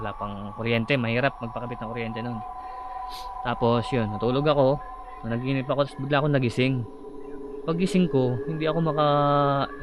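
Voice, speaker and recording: A man casually telling a personal horror story about sleep paralysis, halting and acting out his own shouts. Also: mid-range voice. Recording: slightly dull audio with clear background noise.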